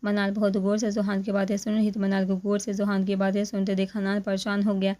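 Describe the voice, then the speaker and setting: Woman narrator, novel reading, flat monotone, steady. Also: mid-range voice, fairly quick.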